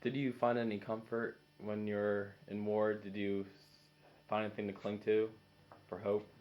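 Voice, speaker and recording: A man with a fairly low voice reads out interview questions. The recording is a little dull and lo-fi. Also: little pitch movement, moderate pace, slight background noise. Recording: slightly dull, lo-fi sound.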